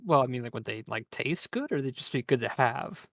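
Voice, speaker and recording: A podcast co-host in casual chat, rambling with quick deadpan asides. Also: medium pitch, no room sound, studio quality.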